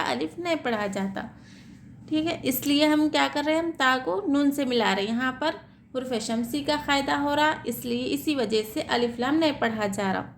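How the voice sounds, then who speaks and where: Woman, tajweed teacher, higher voice, patient step-by-step explaining, faint background hiss. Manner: slow, drawn-out syllable-by-syllable spelling; explaining rules with repeated "theek hai" checks. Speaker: Quran reading teacher. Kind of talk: tajweed lesson, spelling out letters.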